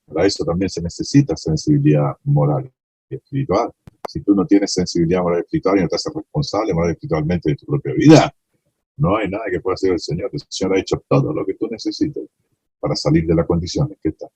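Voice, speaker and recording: A man's voice: deep voice, big pitch swings, quick pace, vocal fry, dark tone, husky, no room sound, rough recording. A man preaching a sermon to a small congregation, passionately acting out the scene he tells. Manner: impassioned, acts out the blind man's pleas.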